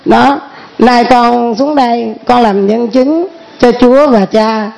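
A woman's voice: on the high side, takes it slowly, gravelly, a little mellow. Earnest middle-aged woman giving testimony. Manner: earnest, repeats and restarts words. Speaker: church member giving testimony. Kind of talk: emotional spoken testimony. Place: church.

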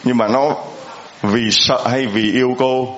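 A man's voice: medium pitch, fairly even intonation, unhurried, fairly bright tone, lo-fi sound. Man priest preaching in an echoey church. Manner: conversational, asks the congregation questions. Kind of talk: homily.

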